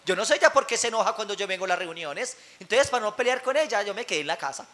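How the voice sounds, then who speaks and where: A man voicing a meek father who pleads softly and plaintively. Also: animated, quick pace. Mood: sheepish. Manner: soft, low and plaintive.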